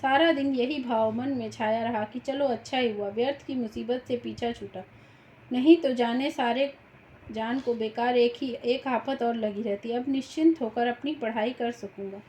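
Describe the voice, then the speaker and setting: A woman teacher reading a novel aloud as audiobook narration, in a steady storytelling manner. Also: fairly high pitch, moderate pace, slight background noise. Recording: roomy, slightly dull home recording.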